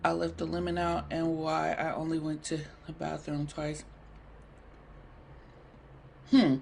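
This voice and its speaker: Slow, gravelly woman chatting on a livestream. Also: low-pitched, completely flat delivery, darkish tone, slight background noise. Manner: chatty, playful, bantering with the chat; talks while eating. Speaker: livestream host. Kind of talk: casual livestream chat with viewers.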